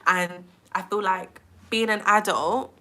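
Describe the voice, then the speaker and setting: A young British woman talks straight to camera in a loose, chatty vlog, peppering every thought with "like". Her voice is bright and forward, and her pitch sits right in the middle. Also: takes it slowly. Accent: British English. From England. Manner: chatty, animated, many filler likes. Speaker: vlogger. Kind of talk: casual chat to camera.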